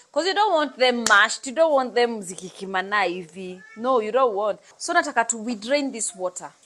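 A woman's voice: a little high, a bit bright, slight background noise. A woman in her thirties with a Kenyan accent, hosting a casual cooking demonstration in her home kitchen and chatting freely with viewers. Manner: chatty, mixing English with Swahili phrases. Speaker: cooking show host. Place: bright home kitchen, indoors.

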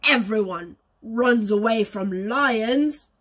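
A woman voicing a grumpy, proud male lion in a children's story, speaking gruffly. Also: on the high side, takes it slowly, fairly bright tone, pitched below the performer's own voice, exaggerated voice. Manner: gruff, indignant.

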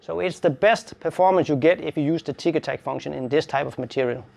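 This welding specialist, a man in his fifties, talks fast in a slightly high, darkish voice with vocal fry. He presents a plain, step-by-step product tutorial, recorded on a lapel mic.

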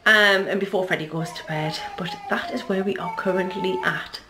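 A woman's voice: on the low side, steady tone, moderate pace, pushed and bright, a little hiss or hum. A woman in her thirties with a Geordie accent, chatting casually to her camera at home in a rambling family vlog. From North East England. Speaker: vlogger, mother.

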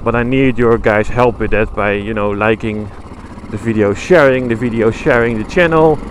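Engine and wind noise sit under the lowish voice of a Dutch-accented man vlogging from his motorcycle on country roads, recorded through a helmet camera mic. He talks at a normal speed in a casual, rambling way, chatting and correcting himself along the way.

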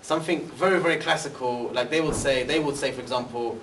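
A young British university student, appearing as a guest speaker, sits in a large indoor room with a banner and answers questions about studying abroad. He talks fast in a mid-range voice, rambling with many fillers and restarts and gesturing animatedly. A far camera picks him up, so the room sounds echoey and distant, with faint hiss.

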